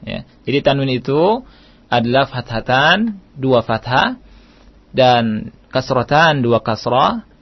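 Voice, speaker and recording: Man, radio recitation teacher, patient and repetitive, slow pace, dull lo-fi sound. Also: medium pitch, very animated, slightly rough, dry recording. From Indonesia. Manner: patient, repeats key points, chants Arabic verses slowly. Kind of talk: radio lesson. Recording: dull dry radio broadcast.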